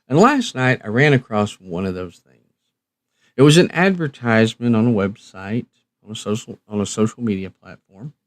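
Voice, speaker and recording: A man with a fairly low, animated voice hosts a casual live stream, speaking at normal speed in a folksy, rambling, hesitant way with phrases that trail off. He's a live stream host and radio reviewer, and the recording is dry.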